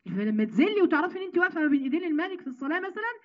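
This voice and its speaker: An Egyptian woman giving a lively Quran commentary lesson, talking conversationally and tossing rhetorical questions to her listeners. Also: very high-pitched, rapid-fire, highs cut off. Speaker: religious teacher.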